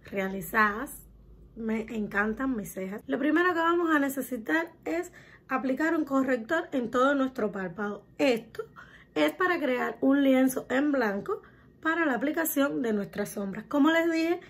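Chatty woman with a breathy voice. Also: on the high side, unhurried. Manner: chatty, addresses viewers as girls, uses many diminutives. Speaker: makeup tutorial host. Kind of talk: step-by-step makeup tutorial.

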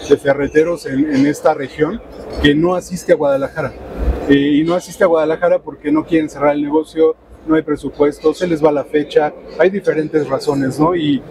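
Businesslike Mexican man, slightly high voice. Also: fairly even intonation. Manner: businesslike, many filler pauses. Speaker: trade show director. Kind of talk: interview answers. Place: trade show booth indoors. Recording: noisy expo floor ambience.

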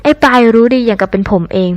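A woman narrating a scripted audio novel in an even, storytelling way. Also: on the high side, fast.

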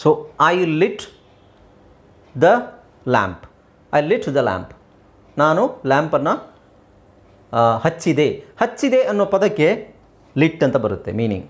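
A man's voice: a little high, sing-song. A middle-aged man with a Kannada accent teaching an English lesson, patiently spelling out and repeating words. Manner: explains patiently, repeats words, slow deliberate spelling aloud.

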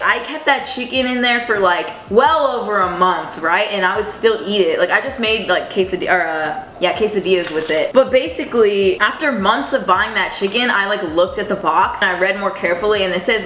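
Young woman, bright voice, chatty rambling vlog talk, echoey home kitchen. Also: mid-range voice, a little fast, hardly any pauses, a little hiss or hum. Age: 20s. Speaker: vlogger. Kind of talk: casual chat to camera. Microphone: fixed camera on counter.

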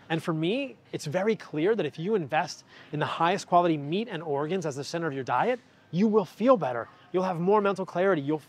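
Emphatic man explaining in a store. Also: on the high side. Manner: energetic and emphatic, gesturing while holding products. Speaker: health educator and video host. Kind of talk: on-camera explainer. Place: large indoor grocery store. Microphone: lapel mic.

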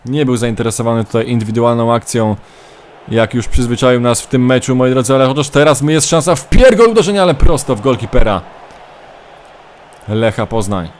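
A man commentating his own football video game like a sports announcer, calm between plays and shouting wildly at goals. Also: medium pitch, a little fast, a little hiss or hum. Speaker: gaming YouTuber. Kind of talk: let's-play commentary.

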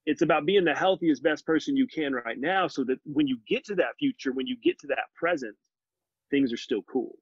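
Brisk and lively in intonation, this slightly high, husky male voice belongs to a podcast guest in his forties. He speaks earnestly and animatedly over a video call from his bookshelf-lined living room in a casual interview, the laptop mic giving muffled, dry audio with no room sound.

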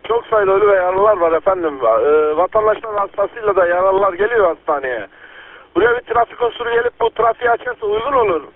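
Male officer on police radio, quick, wildly swinging pitch, thin transmission. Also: sing-song, gravelly, breathy edge. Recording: tinny police radio with faint noise.

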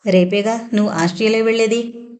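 A woman voicing a male caller who speaks in a hushed, secretive way to deliver a warning. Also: fairly high pitch, fairly even intonation, brisk, close to an everyday voice.

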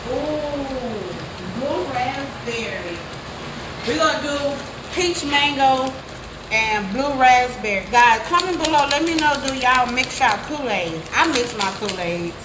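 A woman's voice: high-pitched, lively intonation, takes it slowly. A young woman, chatting to viewers in a casual cooking vlog, recorded on a phone at arm's length in a home kitchen. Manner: chatty, talks straight to viewers. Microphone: phone held at arm's length. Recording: echoey kitchen, background noise.

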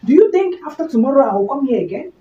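A Nigerian woman playing a loud, fussy pregnant woman who scolds hospital staff in quick rants. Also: a little high, lively intonation, lightly acted. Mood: indignant. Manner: scolding, indignant, fast rants. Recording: roomy, distant, dull home recording.

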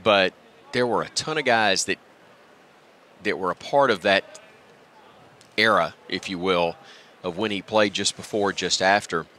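Unhurried and sharp in tone, a low male voice belongs to a middle-aged radio play-by-play announcer sitting in as a guest. He's being interviewed in a stadium press booth at a baseball game, sounding reflective and self-deprecating. Outdoor ballpark ambience comes through behind his broadcast headset.

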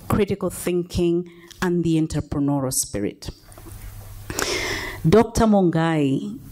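A woman's voice: deep voice, darkish tone. A middle-aged woman from Kenya giving a talk to an audience at a university event, engaging the crowd with questions, on a handheld microphone. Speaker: guest speaker. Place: university event hall at a podium.

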